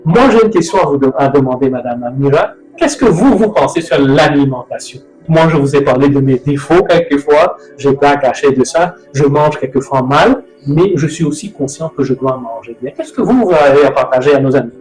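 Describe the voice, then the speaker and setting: A middle-aged host from Mauritius leads a casual talk about food, rambling loosely and correcting himself along the way. His mid-range voice is fairly quick with hardly any pauses. The room is echoey, with soft music in the background.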